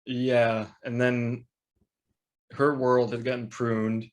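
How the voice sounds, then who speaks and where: A man's voice: medium pitch, level tone, slow pace. A man co-hosting a podcast, chatty and loose, laughing easily in casual conversation. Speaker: podcast co-host. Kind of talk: casual chat.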